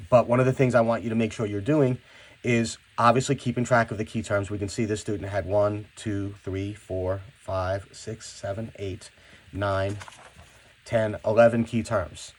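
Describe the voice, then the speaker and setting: Low-voiced male teacher. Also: fairly even intonation, moderate pace. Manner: conversational, repeats words when starting sentences. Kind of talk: classroom instruction video.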